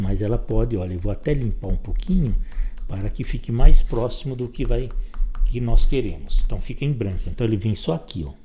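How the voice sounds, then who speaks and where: A man's voice: lowish voice, mellow. A man teaching a step-by-step drawing lesson, giving patient instructions while he sketches.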